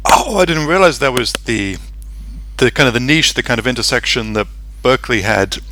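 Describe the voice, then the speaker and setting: Bright-voiced man hosting an interview. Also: medium pitch, expressive, moderate pace. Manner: friendly, asks leading questions. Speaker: podcast host. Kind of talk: casual interview conversation.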